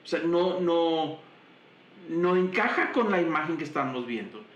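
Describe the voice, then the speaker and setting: A man's voice: a little high, lively intonation, a little slow, fairly bright tone, highs cut off. A man teaching a Bible class, retelling the story vividly and asking rhetorical questions. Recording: roomy echo.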